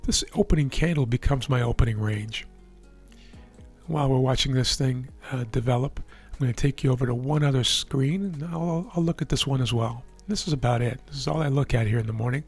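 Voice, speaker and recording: Talking briskly through live market commentary on a chart screen, a trading educator keeps a relaxed, explanatory tone and often asks "right?". His husky, hoarse voice, of middling pitch, sounds worn down and close to giving out. Faint music is audible in the background.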